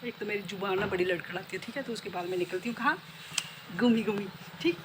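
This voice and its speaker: A woman's voice: medium pitch, fast talker. Chatty woman vlogging from home. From Jammu. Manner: chatty, playful, talks straight to viewers with many tag questions. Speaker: vlogger and beautician. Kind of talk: casual chatty home vlog. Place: at home, indoors. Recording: noticeable background noise.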